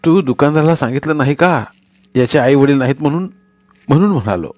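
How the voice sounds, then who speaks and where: A man's voice: a little high, lively intonation, brisk, darkish tone, no room sound, faint music behind, lightly acted. A man voicing a timid village boy in a storybook reading, meek and pleading. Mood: apologetic.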